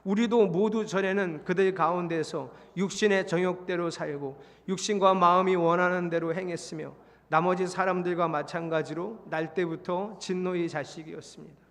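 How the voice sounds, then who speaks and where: A middle-aged male pastor preaching a sermon in a church, lively, with rhetorical questions and acted-out dialogue. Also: high voice, normal speed. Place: church sanctuary. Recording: long church reverb.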